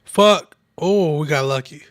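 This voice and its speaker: Young dude streaming a ball game kinda drunk, sore throat, cussing a lot, voice on the higher side. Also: male voice, measured pace, no room sound, studio quality. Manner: loose, profane, rambling while playing. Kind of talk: casual gaming livestream chat.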